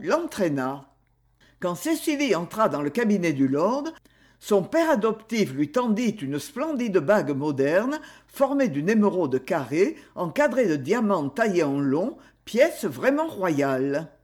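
Woman audiobook narrator, unhurried, expressive melody. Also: fairly low pitch. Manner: slow, expressive reading. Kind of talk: scripted narration of a novel.

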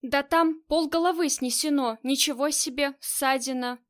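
A woman's voice: sits high, moderate pace, close to an everyday voice. A woman voicing a polite but insistent male bodyguard in an audiobook. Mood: firm. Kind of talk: audiobook character reading.

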